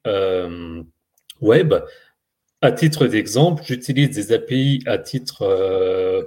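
Homme qui explique posément. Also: male voice, mid-range voice, darkish tone. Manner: explains patiently with simple analogies. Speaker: podcast co-host. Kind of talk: casual explanatory chat.

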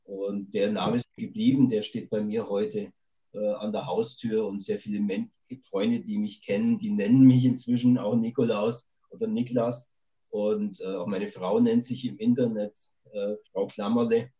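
In a remote podcast interview, a male author comes through a satellite call line with dull lo-fi audio. His voice is lowish, level and mellow at normal speed. He wanders thoughtfully through his points, hesitating often.

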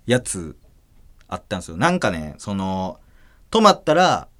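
A man with a Kansai accent, hosting a podcast and telling a story in a casual, animated way, acting out voices and laughing often. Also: deep voice, normal speed. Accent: Kansai Japanese. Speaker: podcast host.

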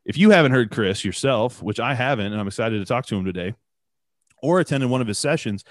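A man's voice: medium pitch, animated, fast talker, no echo, studio quality. A man hosting a podcast interview, with a polished radio announcer voice and upbeat introductions. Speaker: podcast host.

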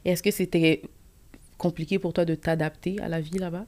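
A woman's voice: fairly low pitch, little pitch movement, fairly quick, darkish tone. A woman hosting an interview, asking questions and affirming often. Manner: attentive, asks questions, frequent affirmations. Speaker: podcast host. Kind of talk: casual interview chat.

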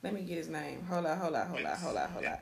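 A woman co-hosting a podcast in casual chat, animated and slangy, often repeating herself. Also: sits low, fast, vocal fry, crowd noise. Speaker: podcast co-host.

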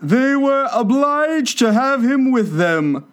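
A man voicing a melancholy, easily offended male mock turtle in a high strained voice. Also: very animated, slow, smooth, full character voice. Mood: plaintive.

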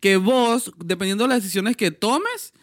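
A man in his thirties hosting a podcast in casual chat, campy and playful, quick to joke and laugh. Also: sits high, expressive. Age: 30s. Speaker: podcast host.

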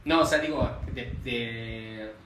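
A man's voice: mid-range voice, slow, fairly bright tone. A man with a Mexican accent talking casually in a podcast chat, constantly dropping slang fillers as he explains. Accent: Mexican Spanish. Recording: roomy echo, faint noise.

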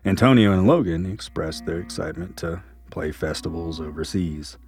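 Deep-voiced man narrating an ominous story. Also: darkish tone, soft background music. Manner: measured, ominous. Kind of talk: scripted horror story narration.

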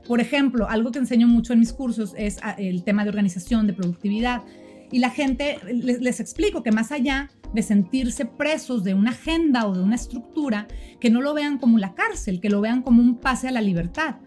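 A woman's voice: a little high, fairly quick, a little mellow, soft background music. A woman, a life coach giving an emphatic motivational talk on a live stream, full of rhetorical questions.

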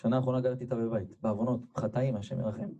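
A man giving a storytelling sermon, animated and repeating phrases, with his voice leaping high when he acts out people he quotes. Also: muffled recording. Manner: repeats phrases, addresses listeners directly. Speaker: religious speaker.

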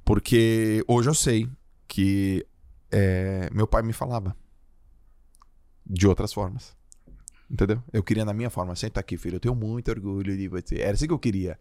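A man from Brazil, a podcast guest, telling stories in a casual, slangy, animated way. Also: on the low side, moderate pace, no echo, clean studio sound. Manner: slangy, animated, acts out quoted voices.

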